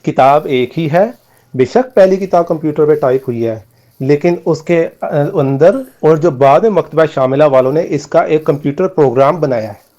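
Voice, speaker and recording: Guy with a higher voice on a muffled voice note, accusing, explains step by step. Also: animated, warm tone. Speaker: debater. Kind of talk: heated religious debate voice messages.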